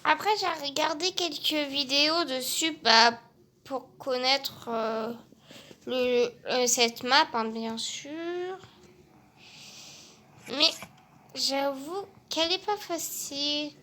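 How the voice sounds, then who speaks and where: A woman commenting casually on her game, unhurried and muttering asides to herself. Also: high-pitched, pushed and bright. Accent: non-native English. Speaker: gamer.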